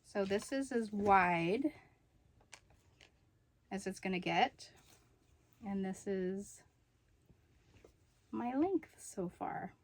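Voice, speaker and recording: A woman's voice: medium pitch, expressive, very slow, pauses often. A woman chatting casually in a home video as she shows off her craft projects. She rambles a little and stops to remember details. She sounds slightly out of breath after being ill. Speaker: crochet and knitting vlogger. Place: room at home with poor lighting.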